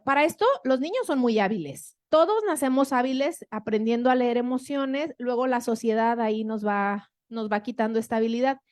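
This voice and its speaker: A woman's voice: on the high side, moderate pace, few pauses, no echo, clean studio sound. A woman with a Mexican accent giving a conversational lecture to an audience, often tagging her sentences with rhetorical questions.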